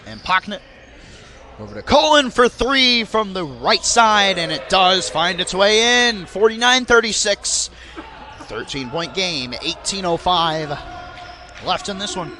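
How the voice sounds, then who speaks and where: A young man calling basketball play by play in a rapid, auctioneer-like patter that rises on big plays. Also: sits high, pushed and bright, slight background noise. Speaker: play-by-play commentator.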